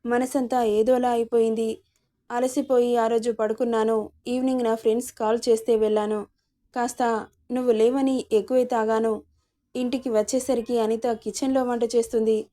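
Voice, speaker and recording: A woman's voice: fairly high pitch, level tone, normal speed, warm tone, close to an everyday voice. A woman voicing a distraught, guilt-ridden young husband in a storybook reading, pleading and remorseful.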